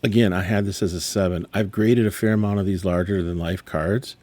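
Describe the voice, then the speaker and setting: A middle-aged man with a low, mellow voice rambles through a casual vlog. He sounds exasperated and keeps correcting himself mid-sentence. The sound is close and dry, with no room around it. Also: steady tone, a little fast, no echo. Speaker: sports card dealer. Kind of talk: casual card grading reveal vlog.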